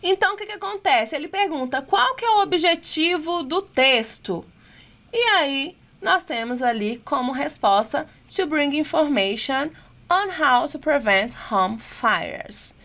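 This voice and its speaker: A woman with a Brazilian Portuguese accent, an English teacher going through exam questions, asking rhetorical questions and reading the English items slowly and deliberately. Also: sits high, animated, a bit bright. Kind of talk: exam-prep lesson explaining test questions.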